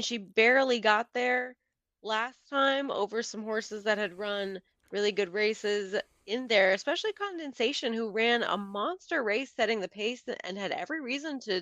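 Brisk, analytical woman guest, dry sound. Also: a little high, fairly bright tone, no echo, lo-fi sound. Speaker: podcast guest and horse racing handicapper. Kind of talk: casual podcast chat.

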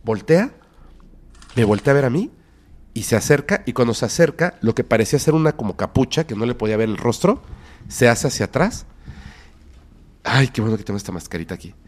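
A man with a Mexican accent tells a frightening personal story on a podcast. His voice sits at an ordinary middle pitch. He shifts between hushed whispers and sudden loud emphasis for drama. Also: lively intonation, a little fast, pauses often. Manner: dramatic, drops to whispers and bursts of loudness. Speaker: podcast guest.

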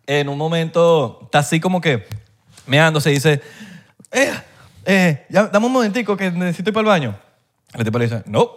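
A man's voice: a little high, moderate pace. A man with a Venezuelan accent chatting casually as a podcast co-host, telling slangy stories and acting out other people's voices. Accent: Venezuelan Spanish. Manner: animated storyteller who acts out other people's voices; slangy, swears freely. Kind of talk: casual chat.

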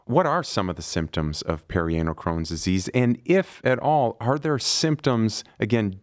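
Low-voiced podcast host asking questions. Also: male voice, clean tone, no echo, studio quality. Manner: friendly, conversational questioning. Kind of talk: podcast interview.

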